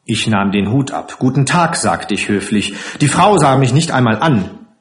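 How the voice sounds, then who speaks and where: Expressive male literary reader. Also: lowish voice, normal speed, roomy sound. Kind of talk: audiobook narration.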